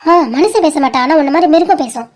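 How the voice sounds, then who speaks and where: A woman voicing a fiery squeaky college girl. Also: lively intonation, fast talker. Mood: angry. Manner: shrill, scolding, threatening. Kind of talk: amateur animated cartoon dub.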